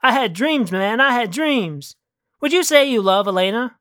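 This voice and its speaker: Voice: mid-range voice, expressive, moderate pace, fairly bright tone, dry recording, pitched above the performer's own voice, lightly acted. A reader voicing a crude, laid-back young man who talks in slang, calling everyone man and girl, in a dry close recording. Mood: grumpy, groggy. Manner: drawling street slang, calls people man and girl. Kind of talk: storybook reading.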